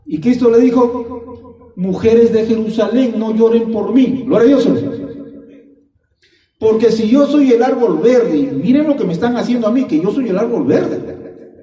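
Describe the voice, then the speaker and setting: A man's voice: extremely high pitch, animated, measured pace, pauses often, dark tone. A man preaching a sermon, emphatic and repetitive, calling his listeners brother. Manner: emphatic, repeats phrases, addresses listeners as brother. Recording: echoey hall, distant dull mic.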